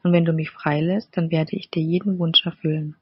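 A woman voicing a patient magic golden fish, the sea king's son, who speaks calmly and grants wishes in a storybook. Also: deep voice, brisk, slightly rough, no echo. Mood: gentle. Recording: slightly dull, dry recording.

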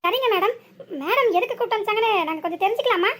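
A woman's voice: very high voice, rapid-fire, fairly bright tone. A woman voicing a defiant young sister-in-law in a comic cartoon, with a southern Tamil village accent and a mocking, back-talking manner. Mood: sarcastic. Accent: southern Tamil village dialect. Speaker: cartoon character.

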